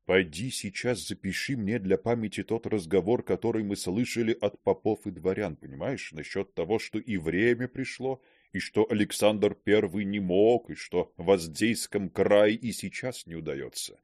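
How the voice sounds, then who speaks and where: A man voicing a sly, scheming bully in an audiobook, muttering low and then barking orders. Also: animated, a little slow, no room sound, clean studio sound, exaggerated voice. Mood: conspiratorial. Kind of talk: audiobook character voice.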